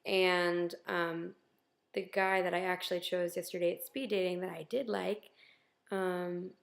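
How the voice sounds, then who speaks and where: Woman, video diary, candid and self-deprecating, low pitch, gravelly fry. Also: level tone, unhurried. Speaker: vlogger.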